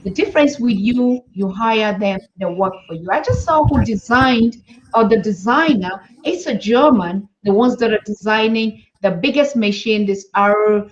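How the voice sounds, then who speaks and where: A woman's voice: medium pitch, normal speed, lo-fi sound. A woman hosting a live online interview, asking questions in an effusive, supportive way. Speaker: host.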